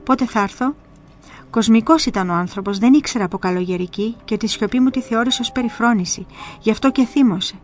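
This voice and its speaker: A woman narrating a first-person story in a calm, earnest storytelling manner. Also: on the high side. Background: faint music.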